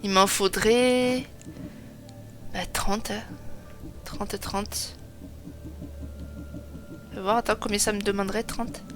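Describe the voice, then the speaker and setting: A woman's voice: mid-range voice, steady tone, slow, pauses often. A woman giving chatty, self-mocking let's play commentary, thinking aloud as she plays. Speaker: gaming streamer. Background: game music.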